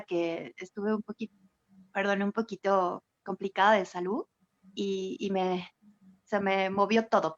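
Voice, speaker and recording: A woman talks through her introduction on a video call, pausing on fillers as she goes. Her mid-pitched voice comes through a dull, slightly muffled line. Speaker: class participant. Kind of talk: casual self-introduction.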